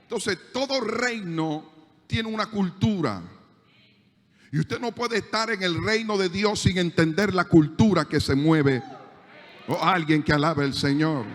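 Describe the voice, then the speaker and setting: This high-pitched, unhurried preacher is a man with a Panamanian Spanish accent, delivering a sermon in a church hall where his voice trails off in long reverb. His emphasis rises steadily, and he performs the dialogue in his stories.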